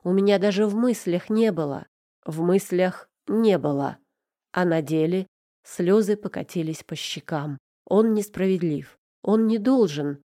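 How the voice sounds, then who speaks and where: A woman's voice: lowish voice, a little slow, dark tone, dry recording, studio quality. A woman narrating a first-person audiobook with emotional, tearful delivery.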